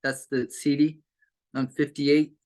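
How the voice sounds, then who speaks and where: A man's voice: on the high side, flat delivery, takes it slowly, darkish tone. A man casually telling a childhood story on a video call, rambling, with many fillers and restarts. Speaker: group participant.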